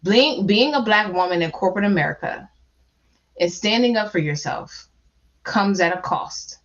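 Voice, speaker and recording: A woman on a panel speaking slowly and haltingly as she holds back tears, over a video call. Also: medium pitch, animated, highs cut off. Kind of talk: emotional panel discussion.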